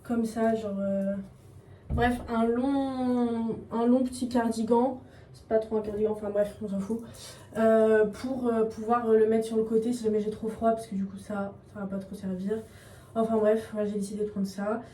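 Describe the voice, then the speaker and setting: This is casual vlog chat from a young woman getting ready at home, rambling, self-mocking, and slangy. She speaks at a moderate pace in a fairly high, warm voice with a level tone. Recorded from a distance and off-mic, the room echoes and faint noise sits underneath.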